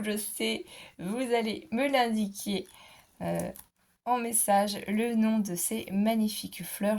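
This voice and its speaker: A woman's voice: medium pitch, a little mellow. A middle-aged woman chatting casually about her craft haul, hesitant, with many fillers. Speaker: scrapbooking vlogger.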